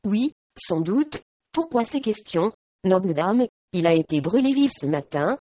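A woman's voice: mid-range voice, big pitch swings, measured pace, warm tone, slight background noise. A woman doing an earnest, upset young servant. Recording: dull lo-fi recording.

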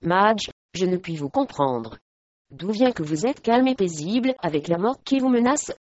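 A woman reading aloud voices a remorseful medieval English lord in a lowered, gruff tone, in a dull lo-fi recording. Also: expressive, moderate pace, darkish tone, dry recording, close to an everyday voice. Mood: gruff, troubled. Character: angry remorseful medieval English lord, middle-aged man.

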